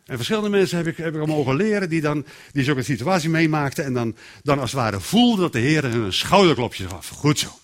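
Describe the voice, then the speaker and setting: A man delivers a sermon with a fairly high-pitched voice. He talks in a lively, animated way and slips into acted-out voices for the quotes. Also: quick pace. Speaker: preacher.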